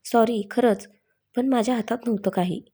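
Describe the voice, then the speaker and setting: A woman's voice: a little high, normal speed, warm tone, slightly rough. A woman voicing a young woman in a storybook reading, who pleads and turns stubborn with her friends. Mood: pleading.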